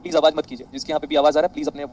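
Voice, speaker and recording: Fast-talking physics teacher. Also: male voice, on the high side, a little hiss or hum, low-quality recording. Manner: animated, boastful, quizzes students constantly. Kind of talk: online classroom lecture.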